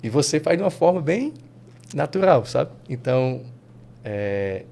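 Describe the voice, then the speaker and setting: A man with a Brazilian Portuguese accent hosting a casual podcast interview, animated and enthusiastic, his voice jumping up when excited. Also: mid-range voice, measured pace, creaky. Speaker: podcast host.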